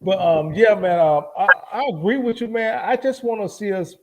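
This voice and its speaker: A man's voice: sits high, animated, moderate pace, background noise. A man hosting a casual football livestream, laid back and asking his co-hosts questions. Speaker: livestream host.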